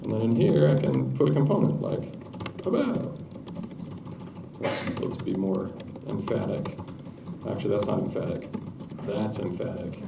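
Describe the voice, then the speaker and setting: A man's voice: fairly low pitch, vocal fry, echoey room, far from the mic, background noise. A man giving a live-coding tech talk at a conference, chatting through his code with joking, self-deprecating asides. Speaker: conference speaker. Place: conference room with audience.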